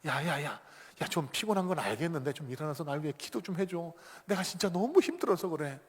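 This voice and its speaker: A man's voice: fairly high pitch, expressive, fast talker, husky. A weary man pleads with his drowsy friends, as a preacher acts him out, tired and urgent. The voice carries a long church-hall reverb. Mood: pleading.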